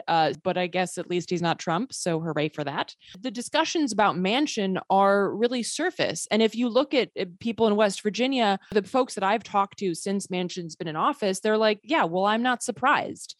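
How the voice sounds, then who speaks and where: A woman with a mid-range voice, partly raised in Sweden, appears as a guest in a political interview, speaking as a filmmaker. She comes across as passionate and sarcastic, and the recording is dry with clean studio sound.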